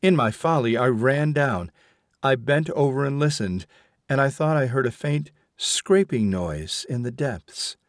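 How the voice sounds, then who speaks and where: A man's voice: medium pitch, lively intonation, measured pace, no room sound, clean studio sound. A man reading aloud as a haunted young rebel who tells his ordeal in earnest, dramatic first person. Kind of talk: audiobook reading.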